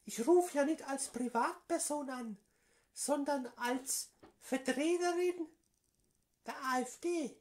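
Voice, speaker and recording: A man's voice: very high voice, slow, a little mellow, pitched above the performer's own voice. A man voicing a pushy, mock-official woman party envoy on a prank phone call, insistent and evasive. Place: small room at home, indoors.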